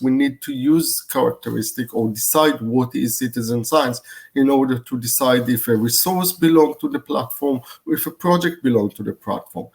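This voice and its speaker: A man's voice: mid-range voice, darkish tone, low-quality recording. A man giving an online conference presentation over a video call, hesitant, with many fillers and restarts.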